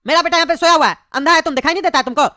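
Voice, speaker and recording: A woman's voice: sits high, rapid-fire, pushed and bright, dry recording, studio quality. A woman voicing an exasperated cartoon father of two boys who scolds his visitors. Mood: irritated. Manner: irritated, scolding. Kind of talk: cartoon comedy dubbing.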